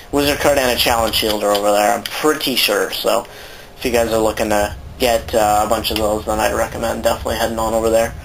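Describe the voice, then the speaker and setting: A man's voice: lowish voice, a little hiss or hum, poor audio. A man with a sore throat giving rambling, casual commentary while playing a video game, swearing often. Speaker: let's play commentator.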